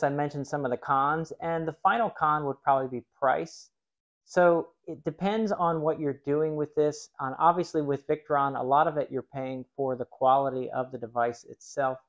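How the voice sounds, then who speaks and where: Dull audio with no room sound captures a medium-pitched man in his forties who hosts a DIY channel. Filmed close on a phone in a workshop and outdoors on gravel, he casually talks through a tool test, thinking aloud and starting over.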